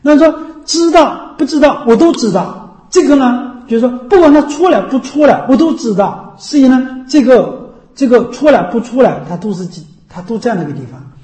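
A man's voice: very high voice, lively intonation, normal speed, dark tone. A man teaching as a Buddhist teacher in a dharma talk. He explains things over and over and keeps checking with his listeners. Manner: repetitive, explanatory. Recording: echoey room.

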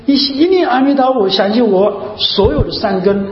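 A man's voice: very high-pitched, animated, moderate pace. A man giving a Buddhist dharma talk, repeating phrases and asking rhetorical questions. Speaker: Buddhist teacher. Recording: echoey hall, dull lo-fi sound.

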